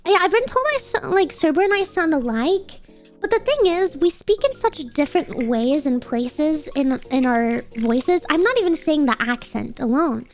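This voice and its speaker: A young adult woman with a nasal, girlish voice, chatting casually and excitably to livestream viewers in a cute anime-streamer manner. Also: sits high, moderate pace, faint music behind. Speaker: VTuber livestreamer.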